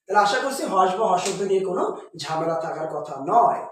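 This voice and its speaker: A man's voice: sits high, animated, fast. Male teacher in a very echoey room. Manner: step-by-step, asks rhetorical questions and answers them. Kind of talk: explaining pronunciation rules to students. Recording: very echoey room with faint noise.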